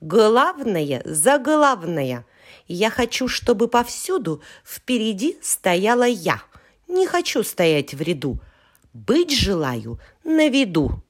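A woman's voice: medium pitch, very animated, takes it slowly, voice pushed up. A woman voicing a boastful, self-important female letter of the alphabet in a storybook poem, talking in a haughty, bragging way.

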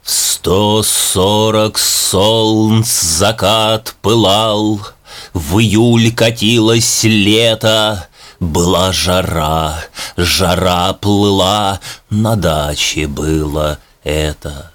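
A man giving a dramatic poetry recitation, measured, rhythmic and emphatic. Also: fairly low pitch, fairly even intonation, a bit bright.

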